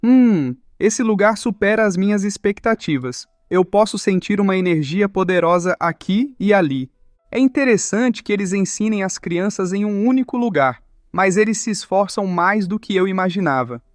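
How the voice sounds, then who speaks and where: A man voicing a wary male cat with a hidden powerful mind, quietly sizing things up in a recap storytelling. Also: sits high, moderate pace, no room sound, studio quality, lightly acted. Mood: appraising.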